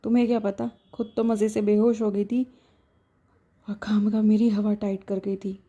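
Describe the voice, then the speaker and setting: A woman's voice: medium pitch, flat delivery, normal speed, dark tone, lo-fi sound, close to an everyday voice. A woman storyteller voicing a young husband who scolds his wife out of worry. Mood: teasing. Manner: scolding, emotional.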